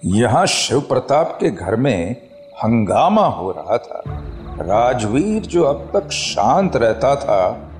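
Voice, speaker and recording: Slow, measured male story narrator. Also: medium pitch, sing-song, a little mellow, soft background music. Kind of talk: scripted audio drama narration.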